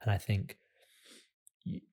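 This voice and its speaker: A man's voice: slow pace, a little mellow. A man in his twenties, a band's guitarist, giving candid, chatty and self-deprecating advice in a casual interview. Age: 20s. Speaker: band guitarist.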